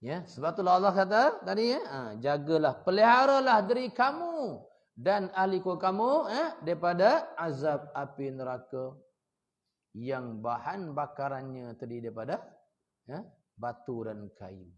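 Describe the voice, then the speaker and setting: Animated preacher man. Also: normal speed. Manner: rhetorical questions to listeners, sudden loud high outbursts. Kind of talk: mosque sermon to a congregation. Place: mosque.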